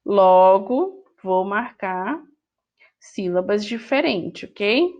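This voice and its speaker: Over a screen recording, a Brazilian Portuguese-accented woman teacher patiently goes through a workbook in an online lesson, repeating every word. Her mid-range voice is expressive, with drawn-out words, and the highs are cut off.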